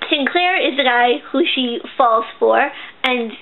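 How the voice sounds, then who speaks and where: A woman's voice: high voice, measured pace. A young woman casually reviewing a book, chatty and gushing, with lots of fillers and restarts. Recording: tinny, phone-like sound.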